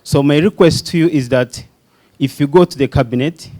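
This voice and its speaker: A man's voice: fairly high pitch, moderate pace, warm tone. A young man speaking from the floor at a conference, earnest, with some restarts. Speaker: audience member, youth entrepreneur.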